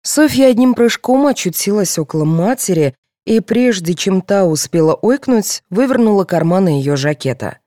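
A woman narrating an audiobook with brisk, expressive reading. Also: medium pitch, no room sound, studio quality.

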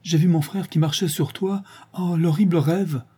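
A passionate, doomed young woman of twenty in a storybook reading, put on by a male narrator. Her lines come higher and feverish, pressed and urgent, over a dark, husky tone. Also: steady tone, moderate pace. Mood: anguished.

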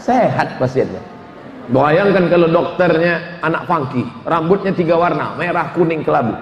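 A man preaching a humorous sermon, telling lively stories with comic asides. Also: on the high side, moderate pace, highs cut off, a little hiss or hum. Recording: echoey hall with long reverb.

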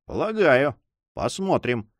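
A man's voice: mid-range voice, big pitch swings, slow, no room sound, studio quality, pitched above the performer's own voice, exaggerated voice. A man voicing a grumbling, sleepy male servant who talks bluntly and exclaims a lot. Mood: exclaiming.

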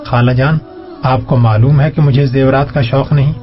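A man's voice: medium pitch, steady tone, lightly acted. A man voicing a proud, weary young woman in an audiobook, with plaintive, reproachful speech. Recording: dull lo-fi audio, faint music.

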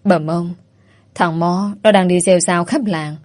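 A woman's voice: lowish voice, fairly even intonation, a little slow, darkish tone, no echo, lightly acted. Woman voicing a stammering timid servant boy. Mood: flustered. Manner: stammering, deferential. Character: timid male servant boy, flustered and deferential.

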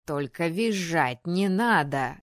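A woman's voice: fairly low pitch, expressive, slow pace, no echo, clean studio sound. A woman voicing a grumpy, stooped old male ghost with a scratchy voice, scolding in an audiobook. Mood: pleading. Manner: stern, scolding. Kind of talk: audiobook narration.

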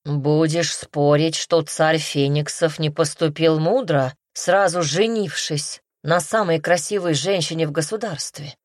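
A woman's voice: low voice, steady tone, measured pace, few pauses, dry recording, studio quality. A woman voicing a talkative, lecturing male creature companion in an audiobook.

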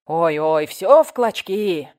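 A nosy older woman neighbor, voiced by a woman narrator, all exclamations and scolding in a shrill, animated voice. She talks over everyone, with a lively melody. Pure storybook gossip. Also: moderate pace.

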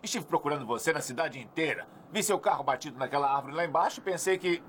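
A man's voice: fairly high pitch, expressive, fast talker, a bit bright, slight background noise. A man dubbing a friendly, concerned small-town man in a film, calling out heartily. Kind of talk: dubbed film acting. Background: film score.

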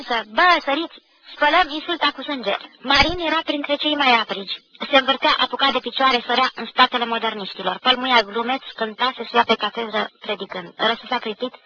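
A woman giving a measured, expressive literary reading of a novel for radio. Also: a little high. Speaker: reader of a novel. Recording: dull lo-fi 1990 radio recording.

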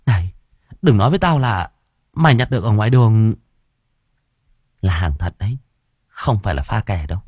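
Brash, excitable young woman with a crude mouth, read by a male narrator, lively swinging pitch, dry sound. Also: normal speed, long pauses, slightly rough, no echo. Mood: blunt. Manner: loud, blunt, crude talk.

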